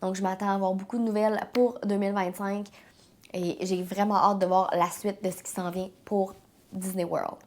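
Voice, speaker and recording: A woman's voice: mid-range voice, flat delivery, moderate pace. A woman with a Quebec French accent hosting a casual news vlog, sounding nasal and stuffed up with a head cold, speaking informally and hesitantly. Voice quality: nasal, congested. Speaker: host of a weekly theme park news vlog. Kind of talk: casual news update to viewers.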